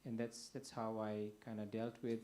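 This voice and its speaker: A young man from Fiji giving his personal testimony as a guest, soft-spoken and hesitant, with many pauses and restarts. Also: lowish voice, level tone.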